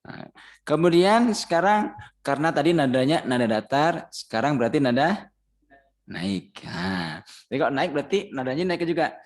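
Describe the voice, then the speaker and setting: A man's voice: a little high, very animated, moderate pace. A man with a Banjar Indonesian accent teaching a Ramadan Quran recitation class. He patiently chants verses as examples and quizzes his students.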